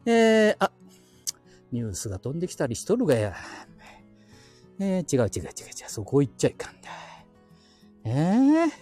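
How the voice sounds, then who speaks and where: A man with an Aichi dialect, streaming live while walking quiet residential streets, chatting to himself with chuckling asides on a hand-held phone. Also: fairly high pitch, huge pitch swings, moderate pace, long pauses, soft background music. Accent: Aichi (Nagoya-area dialect). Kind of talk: casual rambling walk-and-talk.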